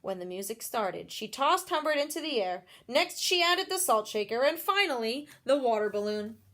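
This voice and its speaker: Female storyteller, high voice, expressive children's read-aloud with explanatory asides. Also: moderate pace. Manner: expressive, explains feelings and puts questions to children. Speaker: storyteller reading a picture book to children.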